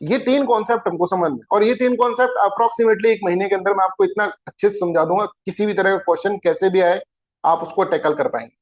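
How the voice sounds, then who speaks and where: Guy teaching a geography class online, pretty high voice for a man, keeps checking if everyone gets it. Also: a little fast. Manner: asks the class rhetorical questions, chatty and informal. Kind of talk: recorded exam-prep lecture.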